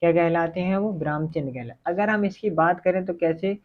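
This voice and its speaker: Man teaching, tinny phone-like sound. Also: on the high side. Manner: repetitive questioning, answers his own questions; slow dictation while writing. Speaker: Hindi grammar teacher. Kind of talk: online exam-prep lesson.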